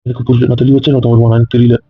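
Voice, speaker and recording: A man's voice: medium pitch, flat delivery, slightly rough. A man playing a possessive, jealous young husband in an amateur audio drama, pleading one moment and stubborn the next. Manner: pleading then stubborn, quick-talking. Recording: dry, tinny phone-like lo-fi audio.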